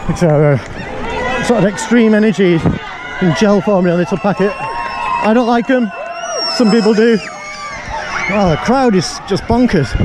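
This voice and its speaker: A man's voice: high voice, measured pace, a crowd in the background. A British man talking casually to camera while running, with some effort in his voice, upbeat and jokey. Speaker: vlogger running a marathon. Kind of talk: casual vlog commentary to camera. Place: outdoors on city marathon streets among crowds. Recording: outdoor street noise, loud music, cheering crowds.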